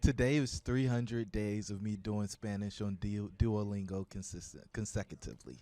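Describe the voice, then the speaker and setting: A man's voice: fairly low pitch, fairly even intonation, normal speed, warm tone, dry recording. Joking man hosting a podcast. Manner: joking, teasing. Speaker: podcast host. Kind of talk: casual interview talk.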